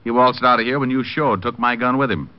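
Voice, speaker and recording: A man's voice: mid-range voice, a little fast, smooth, lightly acted. A man playing a wry, hardboiled American private detective in an old radio drama, clipped and matter-of-fact. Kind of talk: 1940s-50s radio drama, first-person detective narration. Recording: muffled old radio recording, music behind.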